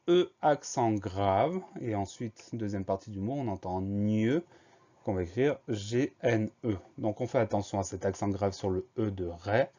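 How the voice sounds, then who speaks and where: A man teaching a spelling lesson to children, speaking slowly and carefully and spelling each word out letter by letter. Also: on the low side, dark tone, dull audio. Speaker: primary school teacher.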